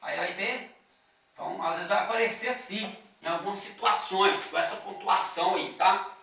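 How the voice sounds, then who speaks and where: Slow, high-voiced teacher in an echoey room. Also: male voice, gravelly, pushed and bright, recorded from a distance. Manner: explains step by step, with frequent "tá?" and "ó" checks. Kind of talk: classroom lecture.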